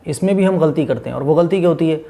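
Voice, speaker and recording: Slow, repetitive male prayer-recitation teacher. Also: fairly high pitch, mellow. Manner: asks questions then answers them, repeats phrases slowly; drawls Arabic phrases syllable by syllable. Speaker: religious teacher. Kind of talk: prayer pronunciation lesson.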